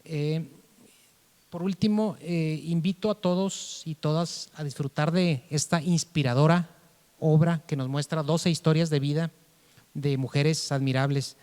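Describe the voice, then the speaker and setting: A man giving a formal, measured speech at a book presentation, with some hesitant restarts. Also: a little high, fairly even intonation, darkish tone, long reverb tail. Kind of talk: formal speech read aloud.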